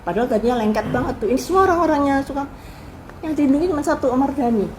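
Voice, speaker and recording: Animated older woman storyteller. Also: sits high, rapid-fire, a little hiss or hum, low-quality recording. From Indonesia. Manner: animated storyteller who acts out quoted people. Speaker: interview guest recalling family history. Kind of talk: casual spoken reminiscence.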